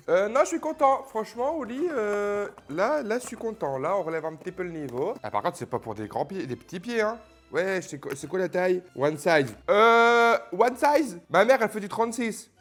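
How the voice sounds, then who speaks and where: A man's voice: high voice, animated, fairly quick, soft background music. A man chatting casually to his viewers in a joking, playful way while unboxing gifts. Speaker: youtuber opening advent calendars. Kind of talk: casual vlog chat to viewers.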